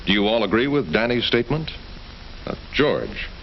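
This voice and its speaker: A man's voice: mid-range voice, sing-song, moderate pace. A man playing an orderly science teacher quizzing pupils in an educational film. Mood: instructive. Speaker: classroom teacher. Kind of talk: staged classroom questioning. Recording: dull, faintly noisy 1960s film soundtrack.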